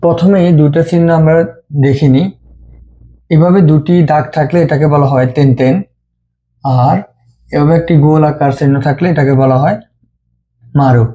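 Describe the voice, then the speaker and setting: Guy teaching japanese letters, mellow voice, slow and patient, repeats every sound. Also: on the high side, fairly even intonation. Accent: Bengali. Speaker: language teacher. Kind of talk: step-by-step script lesson.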